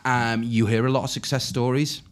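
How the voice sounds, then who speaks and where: A man's voice: mid-range voice, flat delivery, fairly quick. A British man hosting a podcast interview, eagerly agreeing and asking leading questions. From Britain. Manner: eager, affirms often, asks leading questions. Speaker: podcast host.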